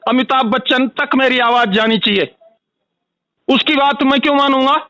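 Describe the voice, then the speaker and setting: A man's voice: extremely high pitch, moderate pace, pushed and bright, dry recording. Furious man ranting on a call. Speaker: angry caller. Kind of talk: phone complaint call. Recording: recorded phone call.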